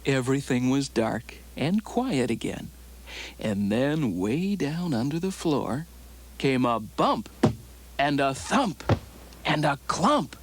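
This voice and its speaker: A man narrating a children's bedtime storybook in a gentle, sing-song way, heard from a worn VHS tape copy. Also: medium pitch, very animated, takes it slowly, slight background noise. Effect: worn VHS tape copy sound. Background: soft background music.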